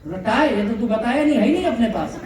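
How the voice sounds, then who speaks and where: A high-voiced man tells a comic story to a live audience, playing every part in it. He sounds far from the mic in a very echoey hall. Crowd murmur and noise sit behind him. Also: fast. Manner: animated, comic, acts out dialogue. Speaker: motivational speaker.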